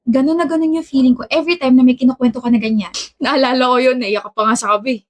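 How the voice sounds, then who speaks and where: A woman's voice: sits high, fairly even intonation, fast. A woman acting in a romantic comedy skit, trading teasing, playful banter.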